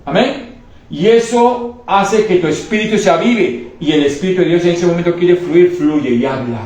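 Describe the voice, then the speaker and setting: A man's voice: high voice, moderate pace, a little mellow. A man preaching to his congregation as a prophet, telling stories and often checking in with the crowd. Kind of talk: sermon with testimony. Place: church hall with a live congregation. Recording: very echoey hall, faint background hiss.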